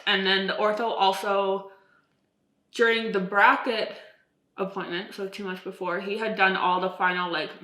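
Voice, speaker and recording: A woman's voice: mid-range voice, pushed and bright. A woman in her twenties chatting casually and ramblingly to camera, with stiff-mouthed speech from swollen, numb lips like fresh lip filler. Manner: rambling, self-deprecating, frequent "like". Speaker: vlogger. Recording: echoey, roomy sound.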